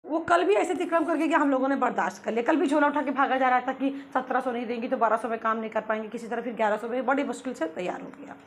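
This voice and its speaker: A woman's voice: sits high, fast talker, hardly any pauses, slight background noise. A woman vlogging from her home under renovation, ranting with indignation and laughing as she tells her story. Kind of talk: casual vlog talk.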